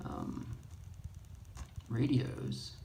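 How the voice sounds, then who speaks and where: A warm-toned man instructs in an unscripted screen-demo tutorial for a radio how-to, talking haltingly as he thinks aloud. Keyboard and mouse clicking make the recording noisy throughout.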